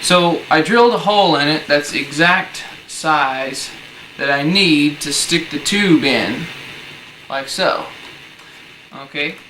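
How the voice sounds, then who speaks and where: A man presents a hands-on DIY how-to video in a casual, laid-back way, using informal, slangy phrasing. His voice is fairly high and sharp, and the low-quality recording has noticeable background noise.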